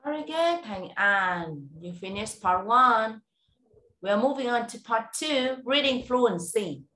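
A woman teaching English over a video call, giving a speaking test and prompting slowly and clearly with encouragement. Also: fairly high pitch, lively intonation, bright, forceful tone, slight background noise. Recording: roomy echo.

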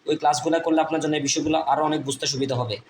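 A man teaching an English reading lesson in Bengali with a Bangladeshi accent, spelling out letters slowly and repeating each syllable. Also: on the high side, steady tone, a little mellow. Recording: echoey room with faint ambient noise.

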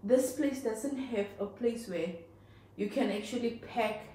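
A Namibian woman vlogs from her tiled bathroom, chatting to viewers in a rambling, casual way as she puts a rack together and tidies up. Her voice sits a little high, with a warm, unhurried tone. The recording is distant and the room very echoey.

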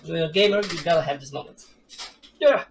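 A gaming streamer in his thirties sits in a gaming chair at home, casually commentating a strategy game in let's play style. His voice is a little high and gravelly, quick-paced, with a slight hiss or hum; he rambles chattily, mocks himself, and laughs often.

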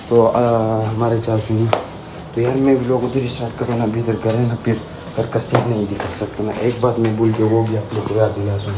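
A young man in his twenties chatting casually to his viewers while he gives a tour of a house and yard. He keeps tagging "na" onto his sentences as he points things out. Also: medium pitch. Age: 20s. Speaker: vlogger. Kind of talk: casual home-tour vlog. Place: outdoors on a rooftop and a village yard. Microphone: phone held at arm's length. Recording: outdoor background noise with birds.

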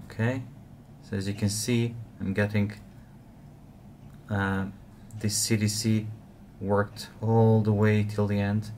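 Low-voiced man explaining fly tying. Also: slow pace, a little hiss or hum. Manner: relaxed, explanatory, frequent uh fillers. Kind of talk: step-by-step tutorial narration.

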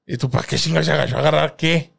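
A man's voice: on the high side, fairly even intonation, rapid-fire, creaky, slightly rough. A young man with a Mexican accent, co-hosting a podcast in casual, crude, slang-heavy banter. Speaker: podcast co-host. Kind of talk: casual chat.

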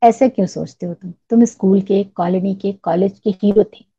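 A woman voicing a wistful young bride-to-be in a storybook reading, in a soft, reproachful manner. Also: medium pitch, lively intonation, a little fast, slightly rough, no echo. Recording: dull lo-fi recording.

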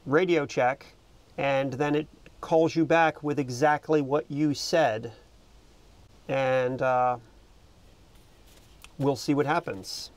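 Outdoors in the cockpit of a small parked boat, a middle-aged boating video host explains things to camera in a relaxed, unscripted way. His voice is medium in pitch and steady, moving slowly with long pauses.

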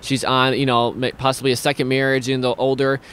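This is a flat, slightly fast, a bit bright mid-range male voice with a little hiss or hum behind it. The young host of a talk stream sits in his small home studio with headphones and a studio mic, working through viewer comments. He keeps restarting and rambling, much like casual video-call chatter.

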